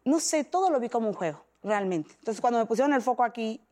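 A woman in her thirties with a Mexican Spanish accent talks fast in a fairly high voice. As an interview guest, she tells a personal story with animation, acting out other people's voices.

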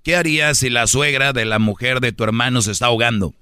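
A man's voice: medium pitch, fast talker, sharp tone, clean tone, faint music behind. A Mexican man teasing his friend with a trick riddle in mocking banter.

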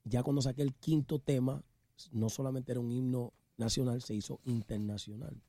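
A man with a Puerto Rican accent, a guest musician chatting casually in an interview and telling his stories with quick asides. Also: medium pitch, dry recording. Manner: animated storyteller, quick asides.

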